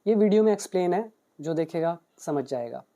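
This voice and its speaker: A man's voice: a little high, lively intonation, a little fast, dark tone. A man who teaches English, explaining a book page by page and reading out paired Hindi and English examples. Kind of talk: book walkthrough lesson.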